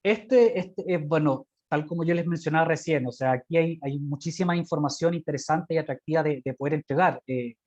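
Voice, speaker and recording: Speaking fairly quickly with few pauses, this guest lecturer has a medium-pitched, darkish voice and a Chilean accent. The informal slide talk over a video call is hesitant and peppered with agreement-seeking tag questions. Audio is muffled and lo-fi.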